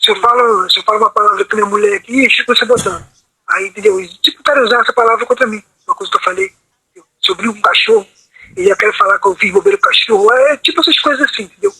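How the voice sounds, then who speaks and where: A man's voice: high voice, lively intonation, very fast, sharp tone, slightly rough, no echo, poor audio. A man on a video call telling a long personal account, rambling and asking "entendeu?" after almost every phrase. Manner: rambling, repeats "entendeu?" constantly. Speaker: meeting participant.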